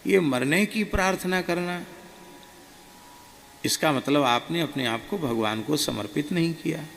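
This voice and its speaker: A man with a gravelly, mid-range voice recounts a spiritual experience slowly and earnestly. He sounds like he is in a large hall with a long reverb and a faint ambient hum behind him. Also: fairly high pitch, fairly bright tone. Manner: slow, earnest and subdued. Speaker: monk telling a spiritual experience. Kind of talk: devotional storytelling.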